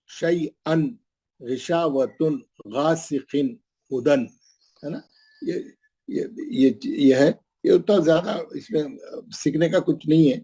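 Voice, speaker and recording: A man teaches a recitation class, sounding out syllables one by one and pausing to ask whether his students follow. His voice is gravelly and husky, with a dark, mellow tone. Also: medium pitch. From Hyderabad, India. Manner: drills syllables slowly, checks in with "right?". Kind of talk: classroom lesson.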